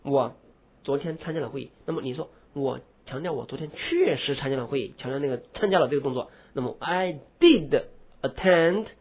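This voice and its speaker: A man's voice: mid-range voice, husky. A man teaching English grammar to a class, explaining step by step and stressing key words. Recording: tinny phone-like classroom recording.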